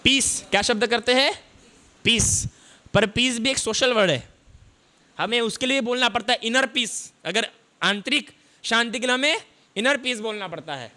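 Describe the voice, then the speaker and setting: Man, Buddhist monk, sermon, bright tone, question-and-answer teaching. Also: extremely high pitch, moderate pace. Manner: asks the audience questions and answers them; explains word meanings step by step.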